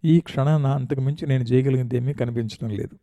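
A man's voice: medium pitch, steady tone, fairly quick, dark tone, no room sound, close to an everyday voice. A man voicing a composed male politician who explains his situation reflectively in a story reading.

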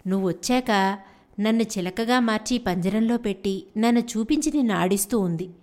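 A woman voicing a kind talking parrot who is really an enchanted girl, speaking gently and soothingly. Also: mid-range voice, normal speed, lightly acted. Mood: hushed, kindly.

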